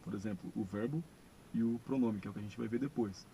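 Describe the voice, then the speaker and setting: A gravelly, dark-toned Brazilian man gives a community English lesson on video. He explains patiently in Portuguese, slowing down to say each English phrase clearly. A faint low rumble sits under his voice. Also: poor audio. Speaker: English teacher. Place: church classroom.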